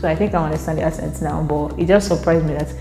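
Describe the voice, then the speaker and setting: A low, gravelly, warm voice moves quickly with fairly even intonation. It belongs to a young Nigerian woman doing a chatty, casual vlog to camera in her Nigerian accent, often laughing and repeating words while she thinks. Faint music plays in the echoing room.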